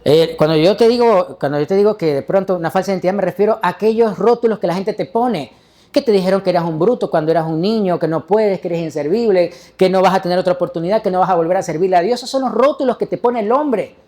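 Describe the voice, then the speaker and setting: A man's voice: sits high, fast talker, a little mellow. A male pastor delivering a sermon, preaching emphatically and putting rhetorical questions to the congregation.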